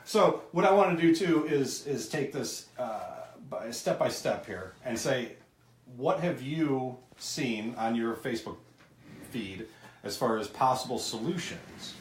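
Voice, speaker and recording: Male co-host, mid-pitched and teasing, off-mic in a roomy space with faint background noise. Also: lively intonation, a little slow, recorded from a distance. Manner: easygoing, teasing, hesitant with fillers. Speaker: podcast co-host. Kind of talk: casual live podcast chat.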